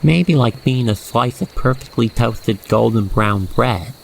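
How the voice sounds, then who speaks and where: The narrator's voice is medium-pitched, gravelly and a little slow as they soothingly, playfully guide the listener through a scripted ASMR roleplay. Recorded in low quality, the clip has faint noise, with crickets chirping amid night insect sounds.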